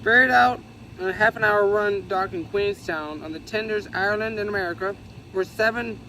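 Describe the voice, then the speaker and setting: A man with a high-pitched voice reads a history book aloud with asides, tripping over words and correcting himself as he goes. His reading is casual and unpolished. Street and car noise are clearly audible behind him.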